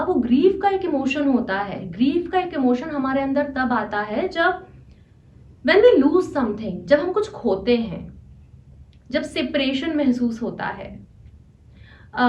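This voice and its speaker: Woman life coach, earnest motivational talk; high voice, roomy echo. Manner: earnest and conversational, mixing Hindi with English phrases. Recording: echoey, distant and dull.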